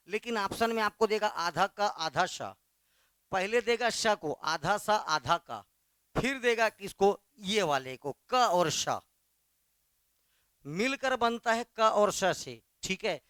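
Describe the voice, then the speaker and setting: Chhattisgarhi hindi tutor guy, high voice, asks the class then answers it himself, dry room. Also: a bit bright, clean tone, dry recording. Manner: quizzing questions then answering them; slow, emphatic spelling out of letters. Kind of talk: classroom lesson.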